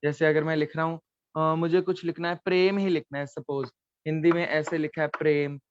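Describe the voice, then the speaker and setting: Male teacher, patient step-by-step explainer, slightly raised pitch, dry dull recording. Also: steady tone, brisk, slight background noise. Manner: patient, explains step by step, checks with "theek hai". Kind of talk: online Gurmukhi lesson at a board.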